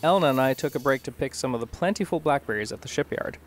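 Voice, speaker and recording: A man in his thirties calmly narrating a boat-repair vlog as its host. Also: mid-range voice, fast talker, faint music behind. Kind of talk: scripted voice-over narration.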